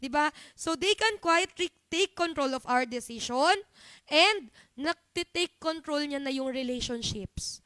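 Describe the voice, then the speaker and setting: A woman's voice: high voice, expressive, a little slow, bright, forceful tone, no room sound. A woman preacher with a Filipino accent, teaching a church group and often checking in with the listeners. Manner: Taglish, often asks "di ba?" and "Amen?".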